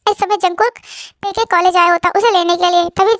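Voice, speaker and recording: A woman's voice: very high-pitched, fairly even intonation, brisk, a bit bright, no room sound, studio quality. A woman casually narrating a love story, rambling and often restarting her sentences.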